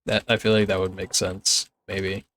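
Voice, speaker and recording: A man's voice: sits low, little pitch movement, moderate pace, a bit bright, slight background noise. A young man streaming a game, chatting casually with his chat and sprinkling in lots of "like"s. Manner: chatty and easygoing, many filler "like"s. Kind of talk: casual gameplay commentary, reading chat.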